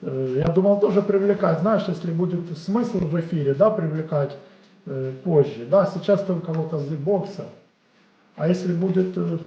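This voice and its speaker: On a home live stream, a man in his forties with a Ukrainian accent, a boxing coach, casually and amiably responds to chat questions without preparation. His voice is a little high and mellow, delivered at a moderate pace. The room is echoey, and the recording comes across muffled.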